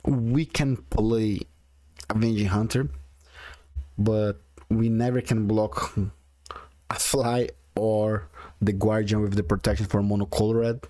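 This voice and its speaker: Fairly low in pitch and fairly even in intonation, this warm-toned man takes things slowly in a dry recording. In his forties and strongly accented in Brazilian Portuguese, he's a gaming video creator chatting and thinking aloud over his own card game.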